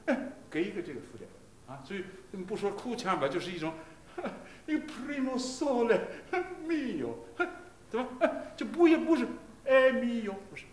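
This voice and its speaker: A man teaching voice in a masterclass, stopping to sing short phrases as examples, in a halting, repetitive way full of fillers. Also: sits high, expressive. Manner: breaks into sung Italian phrases to demonstrate. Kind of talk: masterclass coaching a singer. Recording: roomy archival class recording, faint hiss.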